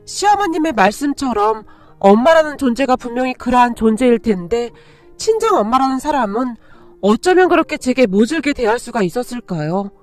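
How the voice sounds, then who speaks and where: A woman narrating a first-person story in a steady reading voice. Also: a little high, brisk. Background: faint background music.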